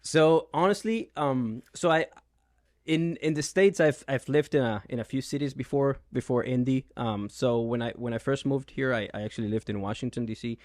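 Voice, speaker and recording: A man's voice: mid-range voice, moderate pace, a little mellow, no room sound, studio quality. A man in his thirties from Venezuela with a Venezuelan Spanish accent, a realtor answering interview questions with many ums and restarts. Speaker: realtor, guest. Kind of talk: casual interview.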